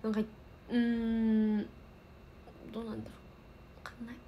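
A woman's voice: fairly high pitch, monotone, normal speed, muffled recording, background noise. A woman in her twenties from Osaka with a light Kansai accent, chatting casually while answering viewer comments on a livestream. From Osaka, Japan. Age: 20s. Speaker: idol livestream host.

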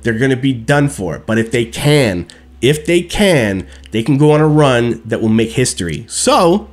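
Animated man with a lively voice. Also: medium pitch, measured pace. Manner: animated, emphatic, keeps asking "okay?" and "right?". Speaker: hockey fan streamer. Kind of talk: post-game hockey rant. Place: small room at home, seated in gaming chair. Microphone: headset.

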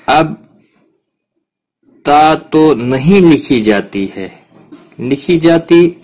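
A man's voice: fairly high pitch, lively intonation, a little mellow. A man teaching Quran recitation rules in a patient, step-by-step lesson, giving examples as he goes. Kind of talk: explanatory lesson.

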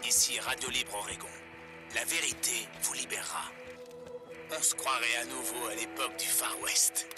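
An actor plays a male pirate radio host in a post-apocalyptic game, a defiant survivalist on his soapbox. He preaches emphatically in a medium-pitched voice, with loud music over it. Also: steady tone, moderate pace, natural voice. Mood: defiant, preachy. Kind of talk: pirate radio monologue, fiery political rant.

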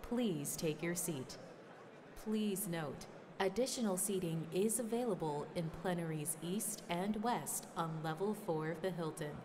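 A woman making a polite, measured venue announcement over a public address loudspeaker. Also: fairly low pitch, noisy background.

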